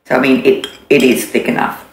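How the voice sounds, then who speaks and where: A woman in her sixties with an Australian accent and a creaky, level, bass voice casually demonstrates a recipe in her home kitchen. She's chatty and unhurried, with many ums and restarts. The camera sits in front at mid distance, and the kitchen is echoey with faint background noise.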